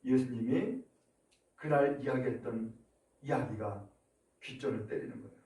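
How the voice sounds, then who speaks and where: A male pastor preaching a sermon in a church, telling the story in a lively way and asking the congregation rhetorical questions. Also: mid-range voice, normal speed. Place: church sanctuary. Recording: echoey room from a distance.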